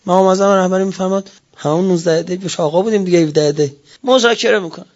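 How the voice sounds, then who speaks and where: A male cleric preaching a religious sermon, dropping to hushed whispers and rising to emphatic, raised lines. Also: sits high. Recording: dull lo-fi recording.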